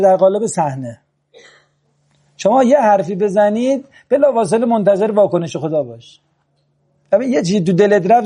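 A man preaching a religious lecture, slow and emphatic, reciting short Arabic verses. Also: high-pitched, dark tone.

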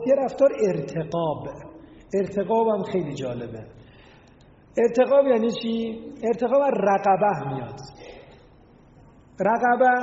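High-voiced man lecturing in an echoey hall. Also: darkish tone. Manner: explains word meanings, asks rhetorical questions. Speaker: religious lecturer. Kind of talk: religious lecture. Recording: echoey hall, dull lo-fi sound.

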